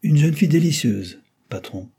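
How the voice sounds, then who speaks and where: A man voicing a mischievous mechanic in an audiobook, raising his pitch for cheeky banter. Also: animated, normal speed, dark tone, slightly rough, full character voice.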